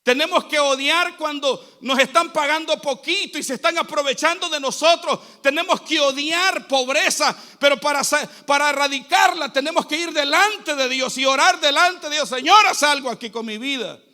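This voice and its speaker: A male pastor with a Central American Spanish accent delivers a sermon, his voice sitting unusually high for a man. The tone is piercingly bright and sharp, and he drives his points home through repeated exhorting phrases. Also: moderate pace, few pauses. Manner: exhorting, repetitive preaching cadence.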